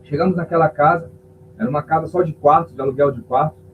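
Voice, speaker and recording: A man's voice: a little high, steady tone, quick pace. A male pastor, telling an emotional testimony in a podcast interview and acting out the voices of people in his story. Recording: tinny phone-like sound with faint hum.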